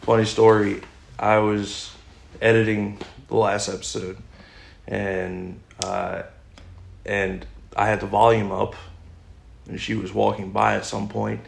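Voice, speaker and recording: Gravelly young man with a cough. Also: lowish voice, flat delivery, slow, long pauses. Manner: dry, rambling jokes, crude. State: coughing, recovering. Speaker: podcast co-host. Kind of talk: casual banter. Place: unheated home garage. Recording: echoey garage recording.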